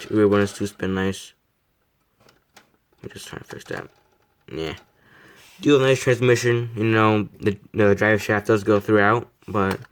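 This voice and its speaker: A young man casually reviewing a model car, rambling, repeating himself and poking fun at himself. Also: on the low side. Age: young adult. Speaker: die-cast model reviewer.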